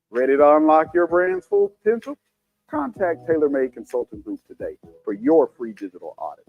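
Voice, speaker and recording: A man's voice: gravelly, slightly rough. A man reading a scripted commercial voice-over in a polished announcer style. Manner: polished, dramatic pitch swings. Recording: dull lo-fi sound with music bed.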